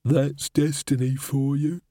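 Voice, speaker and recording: A man's voice: medium pitch, level tone, slow, mellow, no room sound. A man voicing a world-weary, sardonic talking skull in a storybook reading.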